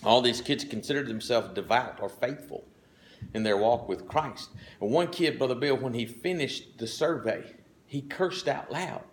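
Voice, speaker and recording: A middle-aged man preaching a sermon in a folksy, conversational way, with many asides and frequent throat-clearing. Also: medium pitch, moderate pace. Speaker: pastor.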